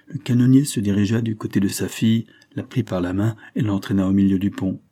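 A man narrating an audiobook of a classic novel in a measured, dramatic way. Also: fairly low pitch, fairly even intonation, dark tone.

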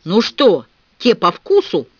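A man voicing a crude onlooker who growls out rough, mocking jeers. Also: high-pitched, lively intonation, unhurried, a bit bright, dry recording, muffled recording. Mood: jeering. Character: coarse jeering male onlooker, gleeful and crude.

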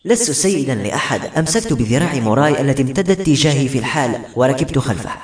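Fast-reading man narrating a novel. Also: mid-range voice. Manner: dramatic, expressive narration. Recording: roomy echo.

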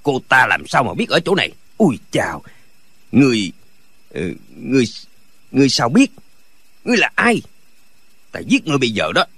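A man voicing a blustering, gruff notorious bandit in a martial-arts audiobook. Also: medium pitch, sing-song, brisk, bright, forceful tone, no room sound, full character voice.

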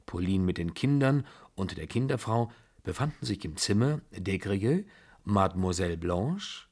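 A male audiobook reader with a husky voice, narrating a story in the first person in a measured, even way. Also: low-pitched.

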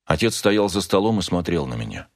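Man, audiobook narrator, very low voice, measured pace, first-person novel. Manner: measured, steady storytelling.

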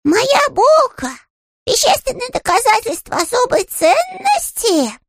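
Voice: very high-pitched, big pitch swings, unhurried, creaky, a bit bright, dry recording, clean studio sound, voice pushed up, heavily acted. A reader voicing a small, polite young male bear who sounds eager and innocent, in an audiobook. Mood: delighted. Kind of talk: audiobook character voice.

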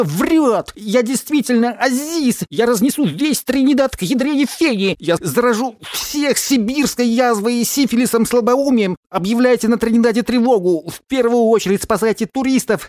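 A man voicing a frantic bearded man who claims to be a terrorist, shouting and boasting wildly. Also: no room sound, clean studio sound. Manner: shrill shouting, wild and boastful. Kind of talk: audiobook character voice.

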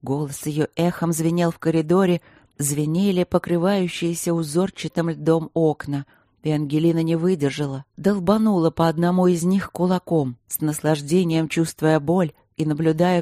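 A woman narrating an audiobook in an even, measured reading. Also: sits low, dry recording, clean studio sound. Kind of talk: scripted narration.

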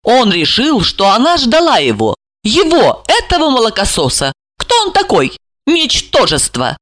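A woman narrating an audiobook in an expressive storytelling manner. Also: a little high, measured pace, no room sound, clean studio sound. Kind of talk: scripted narration.

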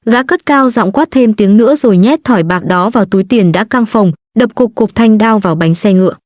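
A woman reading a story aloud in a steady, even narration. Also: mid-range voice, a little fast, no echo, clean studio sound. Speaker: audiobook narrator.

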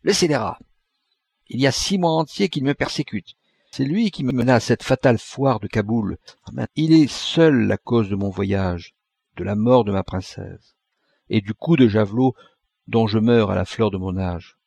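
A man's voice: lowish voice, animated, normal speed, vocal fry, a little mellow, breathy edge, dry recording, heavily acted. A man reading an audiobook, voicing a young dying man who asks pleading, indignant questions. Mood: frantic.

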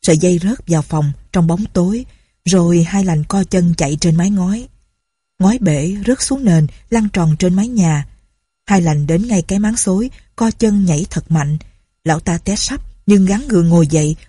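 A woman narrates a storybook in a low, husky, mellow voice with a steady, dramatic delivery. The recording is close and dry. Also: moderate pace, dry recording.

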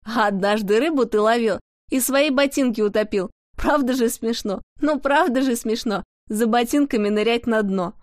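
A woman's voice: fairly high pitch, moderate pace, hardly any pauses, dry recording, studio quality, natural voice. A woman voicing a playful prankster who chants a teasing rhyme. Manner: sing-song teasing.

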